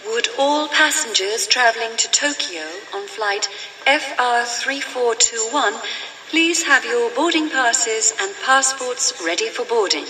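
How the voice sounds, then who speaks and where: Female airport announcement role, acted: high, unhurried, formal delivery, distant in a big reverberant hall. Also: pushed and bright. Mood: formal, measured. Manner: clear, formal, measured delivery. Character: calm, formal woman airport boarding announcer. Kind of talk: airport announcement, scripted for a listening exercise. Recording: echoey hall PA, distant, faint noise.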